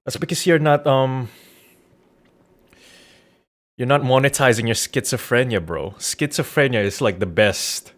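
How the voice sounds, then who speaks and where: This man livestreams a game in a mid-range, slightly bright voice, speaking a little slowly with long pauses. His chatter is rambling, joking and irreverent, with casual swearing, picked up by a Rode NT1-A studio condenser over background music.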